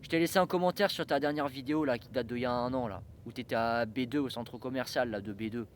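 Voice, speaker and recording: A man's voice: medium pitch, fast talker, slight background noise. A young man talking to camera in a casual vlog, rambling with many fillers and restarts. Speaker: train-spotting vlogger.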